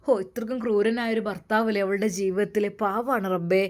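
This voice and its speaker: A woman narrating a dramatic story in an expressive, emphatic way. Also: medium pitch, a little fast.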